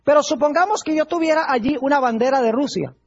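A man's voice: very high voice, fast talker, dull audio. A male pastor preaching a sermon, putting rhetorical questions to his congregation.

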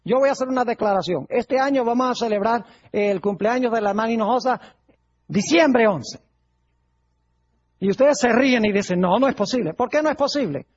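A man's voice: extremely high pitch, normal speed, lo-fi sound. A male pastor preaching a sermon, putting rhetorical questions to his congregation.

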